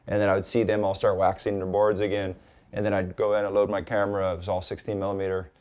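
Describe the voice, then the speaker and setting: A man from Hawaii, a guest in a casual interview, talking in a relaxed, rambling way with lots of "like" and "you know.". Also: low voice, fast, smooth.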